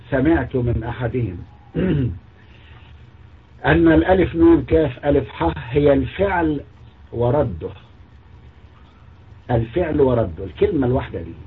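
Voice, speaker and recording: A man's voice: medium pitch, breathy edge. A man with an Egyptian Arabic accent giving a mocking, scornful polemical monologue, lecturing as a religious critic. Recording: tinny phone-like audio.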